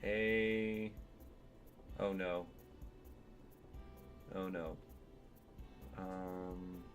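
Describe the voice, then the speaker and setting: This is laid-back gameplay stream commentary from a man at home who goes off on tangents and talks to his cat. His low voice is flat and extremely slow, over some faint background music.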